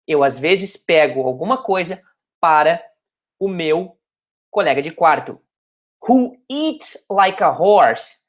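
A woman teaching English in Portuguese, repeating English phrases slowly and then explaining them quickly. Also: fairly low pitch. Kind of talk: bilingual language lesson.

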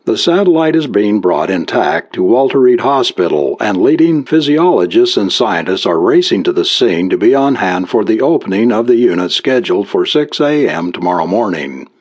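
A man's voice: on the low side, sing-song, normal speed, hardly any pauses. A man reading as a grave radio newsreader. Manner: formal bulletin delivery. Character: male radio news announcer, formal and urgent. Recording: dull lo-fi recording.

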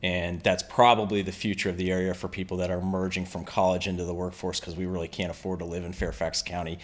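A man in his forties from the Washington DC suburbs, a podcast guest telling about his area in a relaxed way. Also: deep voice, fast talker. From Washington DC area, Virginia. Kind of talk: casual interview chat.

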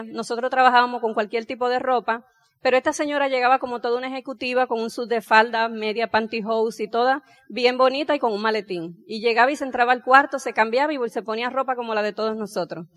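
A middle-aged woman tells a personal story to an audience. Her voice sits a little high, and she is animated, playing out the exchanges as she goes. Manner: animated, acts out dialogue, laughs while telling. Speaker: speaker telling her life story.

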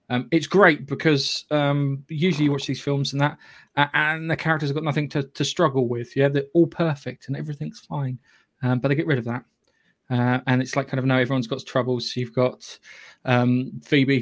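British man, podcast host, casual film review, opinionated, halting delivery, sweary. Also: mid-range voice.

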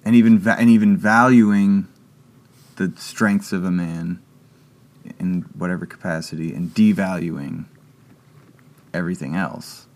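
A man with a very low, deep voice is a guest in a relaxed, casual interview chat. He talks in an unhurried, halting way, thinking aloud, often restarting sentences and leaning on fillers.

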